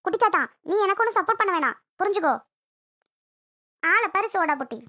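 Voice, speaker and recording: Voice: very high-pitched, lively intonation, fast talker, sharp tone, no room sound, heavily acted. A voice actor playing a rude, bossy young bride in a cartoon, speaking with a Tirunelveli Tamil accent and taunting her family. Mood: scornful. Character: bossy new bride, sharp-tongued and rude. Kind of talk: cartoon voice acting.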